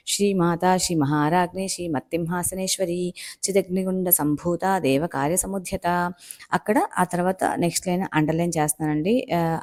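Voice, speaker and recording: A woman's voice: lowish voice, darkish tone. A woman hosting a home channel, patiently explaining step by step with many fillers. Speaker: home-maker channel host. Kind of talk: casual home tutorial.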